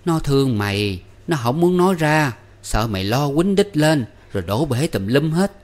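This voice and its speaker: Man putting on a sharp-tongued scolding village mother. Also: on the high side, big pitch swings, normal speed, voice pushed up. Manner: nagging, scolding.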